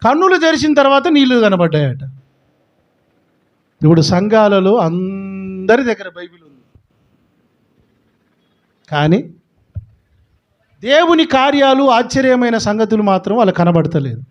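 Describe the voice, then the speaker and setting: A man's voice: sits high, sing-song, measured pace, pauses often, dull audio. A man preaching a sermon as a pastor, emphatic, with frequent rhetorical questions.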